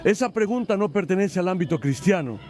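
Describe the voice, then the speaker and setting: A man answers a street interviewer in a measured, hesitant way, pausing to search for his words. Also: high-pitched, expressive, darkish tone, faint music behind.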